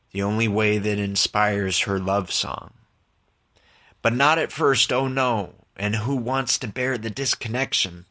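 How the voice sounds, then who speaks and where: A poet hosting a podcast reads his own poems with casual commentary, sounding somewhere between reciting and chatting. His voice is fairly low yet bright and forward, his pace very unhurried, and his manner informal and candid.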